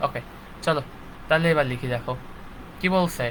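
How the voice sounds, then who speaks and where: Young guy teaching a live class, bright forceful voice, keeps asking "ok?", faint room hum. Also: fairly high pitch, normal speed, low-quality recording. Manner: checks in constantly with "ঠিক আছে?" and "okay". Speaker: physics instructor. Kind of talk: live online lecture.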